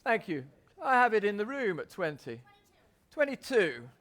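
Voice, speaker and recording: A man's voice: high-pitched, big pitch swings, normal speed, a bit bright. A man working as an auctioneer, calling bids at a live art sale, repeating figures and addressing bidders directly. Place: auction saleroom.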